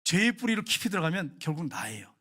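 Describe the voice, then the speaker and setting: A man preaching a sermon in a church, telling a lively story, acting out the quoted lines and chuckling along the way. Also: on the high side, fast. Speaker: pastor. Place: church sanctuary.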